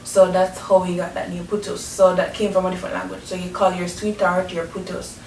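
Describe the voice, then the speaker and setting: With a gravelly, slightly mellow voice, a Jamaican-accented woman from Jamaica gives a fairly quick, level-toned explanatory talk on language and culture. Echo, distance from the mic and a low rumble are audible.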